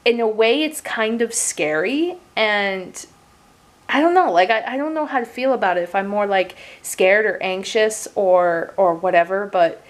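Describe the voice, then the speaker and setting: A woman in her late twenties giving a casual, rambling monthly update vlog from her couch as a gaming streamer. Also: mid-range voice. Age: 20s. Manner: chatty and rambling, with frequent fillers and casual swearing. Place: at home on a couch.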